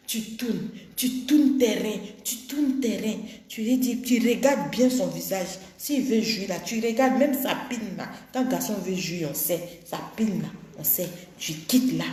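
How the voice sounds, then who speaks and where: A woman lectures other women bluntly, in a preachy tone. Her voice is mid-pitched and jumps from loud, high exclamations to low murmurs. The room sounds echoey. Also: a little hiss or hum. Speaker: relationship advice host. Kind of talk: frank intimate advice monologue.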